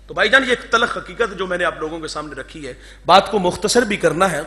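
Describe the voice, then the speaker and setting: A man preaching an Urdu sermon, moving between loud fervor and hushed storytelling. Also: high voice. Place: mosque gathering, over a sound system.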